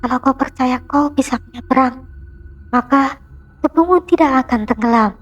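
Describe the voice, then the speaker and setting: A man voicing a mysterious, calm woman who guides travellers through a spirit world, speaking in a solemn, measured way. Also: very high-pitched, highs cut off, pitched above the performer's own voice.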